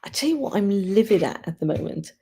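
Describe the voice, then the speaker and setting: A woman hosting a casual livestream, thinking aloud and giving opinions informally in a husky, gravelly voice. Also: mid-range voice, expressive, brisk, mellow, a little hiss or hum. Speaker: livestream host. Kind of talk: casual chat to live commenters.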